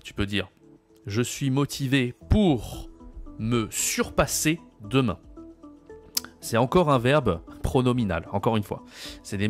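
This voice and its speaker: A man with a French accent explaining French usage to learners, patiently repeating key phrases slowly. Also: medium pitch. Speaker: French teacher.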